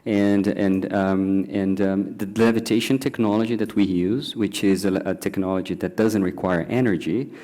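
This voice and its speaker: A man's voice: low voice, fairly even intonation, normal speed, hardly any pauses, mellow. A man speaking on a panel discussion, hesitant, with many fillers and restarts.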